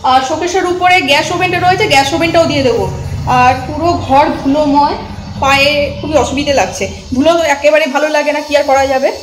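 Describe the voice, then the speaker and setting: Quick high-voiced woman vlogging, showing stuff around, big echo from the empty room. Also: steady tone, background noise. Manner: chatty, showing things around. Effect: echo of a bare, emptied room. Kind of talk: casual vlog talk to viewers. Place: emptied home, indoors.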